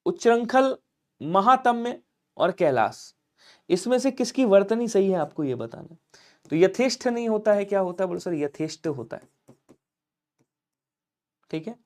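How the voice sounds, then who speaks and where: Teaching Hindi exam prep live online, a man from Lucknow with a fairly high voice fires off questions and supplies the answers himself. He repeatedly presses viewers to get their comments in fast.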